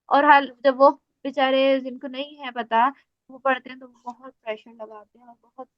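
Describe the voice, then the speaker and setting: A woman with a Pakistani Urdu accent, teaching Quran tajweed in a casual spoken lesson, explaining patiently and reciting examples slowly. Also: sits high, steady tone, dry recording. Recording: dry, slightly muffled recording.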